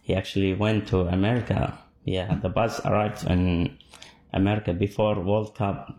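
Man from iraq, arabic native, low pitched, gravelly, short answers, interview at home. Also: flat delivery, normal speed, darkish tone. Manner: short answers, many fillers, laughs easily. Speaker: interviewee, football fan. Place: his home.

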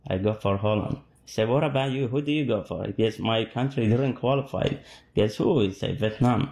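A man's voice: on the low side, normal speed, creaky, darkish tone. A man from Iraq whose first language is Arabic, answering interview questions at home in short, casual replies full of fillers. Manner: short answers, many fillers, laughs easily. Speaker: interviewee, football fan. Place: his home.

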